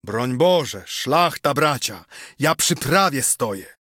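Man doing a rousing old steward, husky, dry close sound, storybook poem. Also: medium pitch, lively intonation, slow, sharp tone, no echo, full character voice. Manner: impassioned, rousing. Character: old embittered male steward, fiery orator. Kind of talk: audiobook reading of an epic poem.

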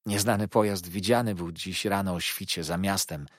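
A man's voice: low-pitched, fairly even intonation, moderate pace, no echo, studio quality. A man reading the lines of a distressed young fisherman who speaks in a toneless, strained voice. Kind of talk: audiobook character reading.

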